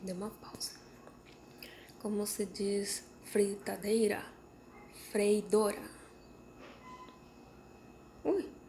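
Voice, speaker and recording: A woman's voice: mid-range voice, little pitch movement, extremely slow, pauses often, mellow, a little hiss or hum. A woman teaching vocabulary, asking herself each question and then answering it. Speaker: language teacher. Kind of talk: vocabulary lesson.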